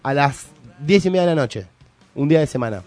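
A young Argentine man with a Rioplatense accent tells a heated story on the radio, in slang. He talks very fast and acts out the other man's lines as he goes. His voice sits a bit high. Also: faint music behind. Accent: Argentine Rioplatense Spanish. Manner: animated, slangy, acts out both sides of quarrels. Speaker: radio co-host.

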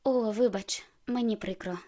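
A woman's voice: fairly high pitch, moderate pace, mellow, close to an everyday voice. A woman voicing a friendly, cheerful young woman in an audiobook, talking in a playful, teasing way.

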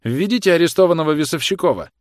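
A man's voice: mid-range voice, very animated, normal speed, no room sound, pitched above the performer's own voice, lightly acted. A man voicing a contemptuous young gendarme officer who barks orders, in a dry recording. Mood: commanding. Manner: sneering, barking commands. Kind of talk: audiobook character reading.

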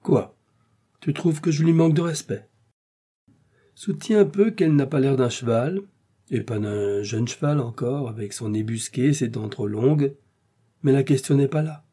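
A man voicing a sarcastic, blunt young gentleman in an audiobook, speaking with mocking emphasis. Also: mid-range voice, normal speed, slightly rough, natural voice. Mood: scolding. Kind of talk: audiobook character reading.

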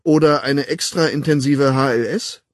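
A man's voice: mid-range voice, moderate pace, no room sound, studio quality, pitched above the performer's own voice, lightly acted. A man doing a breezy, coaxing young man. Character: cheerful, pushy young male colleague. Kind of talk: audiobook character voice.

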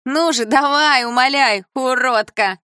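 Taunting teenage schoolgirls, as a woman reader puts them on, their voices pushed up high and loud over her usual low tone. The mockery is nasty and gleeful, thrown out in an audiobook scene. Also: moderate pace, no echo, clean studio sound. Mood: jeering. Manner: mocking, taunting. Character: jeering teenage schoolgirl bullies.

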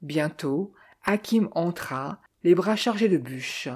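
An audiobook narrator reading a detective novel in a measured, steady way. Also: medium pitch, slightly rough.

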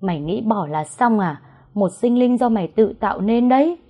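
Brief: a woman reading a dying storybook mother, slow and soft-spoken, low mellow voice. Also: close to an everyday voice. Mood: furious. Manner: slow, tender pleading, turning harsh in anger. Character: gravely ill mother, gentle but stern.

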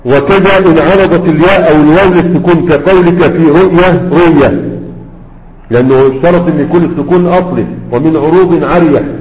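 Asking "right?" again and again to check on his students, a man teaches an Arabic grammar lesson in an Egyptian accent. He talks fast in a fairly high pitch, and the lecture is captured with dull lo-fi sound in an echoey hall.

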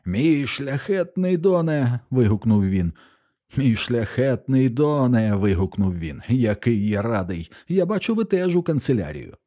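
A man's voice: medium pitch, big pitch swings, measured pace, mellow, pitched above the performer's own voice. A man reading an audiobook, voicing a drunken, pompous young nobleman who gushes effusively. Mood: gushing. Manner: gushing, effusive, tipsy.

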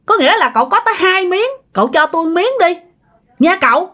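A woman's voice: very high-pitched, animated, a little fast, bright, forceful tone, voice pushed up, full character voice. A woman voicing a strange middle-aged spirit woman with a girlish voice, begging insistently. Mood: pleading.

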